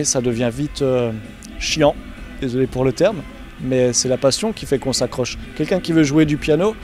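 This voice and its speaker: A man's voice: medium pitch, a little mellow. A man working as a mentalist, explaining his craft in a conversational interview. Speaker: mentalist magician.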